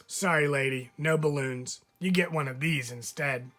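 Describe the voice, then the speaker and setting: A man's voice: fairly high pitch, moderate pace, sharp tone. A man reading a picture book aloud, voicing a blunt, offhand barber. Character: brusque male barber, adult.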